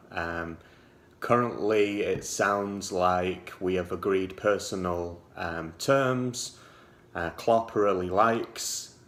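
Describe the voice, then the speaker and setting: A man's voice: low voice, fairly bright tone. A man in his forties with a Liverpool-area accent, giving casual fan commentary with many ums and restarts. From England. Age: 40s. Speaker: football fan vlogger.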